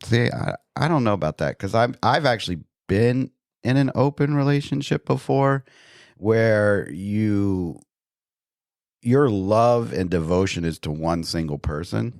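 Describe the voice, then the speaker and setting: A middle-aged man with a very deep voice talks in a relaxed, casual way. He thinks aloud as he shares his own story. The room sounds dry and close. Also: unhurried, dry recording. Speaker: podcast host. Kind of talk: casual discussion.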